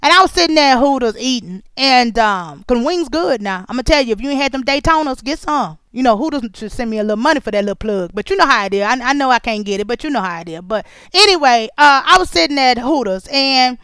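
High, bright-voiced woman telling a story. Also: clear, resonant tone, no room sound. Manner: chatty, nosy and animated, talking straight to listeners; colloquial, drawn-out asides and repeated phrases. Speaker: podcast host. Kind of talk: casual storytelling monologue.

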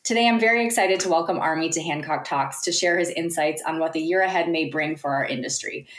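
Casting: female podcast interviewer, low register, polished and businesslike, roomy echo on the recording. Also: quick pace. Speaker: podcast guest host and interviewer. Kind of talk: prepared podcast interview hosting. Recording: echoey, roomy sound.

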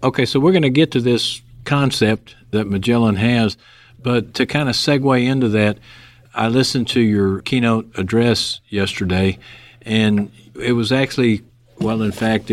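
A man with a Texas accent hosts a casual interview and keeps his guest going with short affirmations. His voice sits a little low. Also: fairly even intonation, moderate pace, dry recording. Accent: Texan. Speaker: podcast host.

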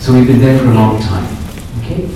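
Male friar, from Singapore, chatty lecturer who keeps asking "okay?"; warm low tone, booming roomy echo. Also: expressive, fairly quick, slight background noise. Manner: conversational, checks in with "okay?", dry jokes. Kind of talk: informal lecture to a group. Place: large room in a pilgrim house. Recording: very echoey hall, distant mic.

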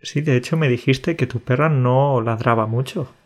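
A man from co-hosts a casual chat made for learners. He jokes along and spells out his words slowly and with care. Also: mid-range voice. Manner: joking, slow and carefully articulated. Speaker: podcast co-host.

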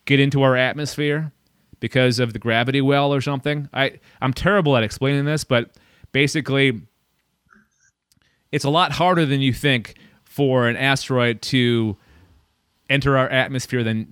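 A man's voice: medium pitch, moderate pace, a bit bright, clean tone, dry recording, studio quality. A man hosting a podcast in casual chat, loose and self-deprecating, short of breath. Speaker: podcast host.

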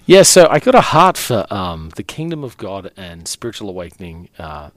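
A man's voice: low voice, sing-song, normal speed, no echo. A man in his forties with an Australian accent, a pastor telling personal stories as an interview guest. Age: 40s. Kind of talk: conversational interview, personal storytelling.

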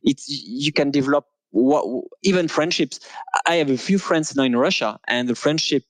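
A man with a French accent, a native French speaker, talking as an interview guest in casual conversation, hesitant with many pauses and restarts. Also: a little high, dry recording, low-quality recording.

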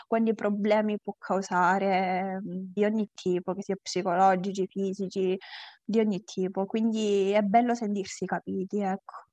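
A woman with a southern Italian, Calabrian accent chats as a guest in a conversational interview. Her talk is halting and circles back on itself. The sound is close and dry. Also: mid-range voice, flat delivery, a little mellow, dry recording. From Calabria, southern Italy. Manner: halting, repeats phrases and loses her thread. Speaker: interview guest, patient advocate with an awareness page.

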